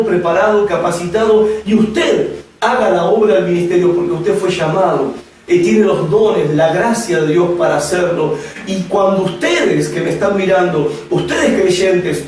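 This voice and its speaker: A man's voice: sits high, darkish tone, distant mic, slight background noise. A man preaching a Bible teaching to viewers on camera, speaking emphatically and repeating phrases for stress. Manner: emphatic, repetitive preaching with rhetorical questions. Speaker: pastor teaching a Bible course. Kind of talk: sermon teaching to a camera audience. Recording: echoey room, voice from off the mic, faint ambience.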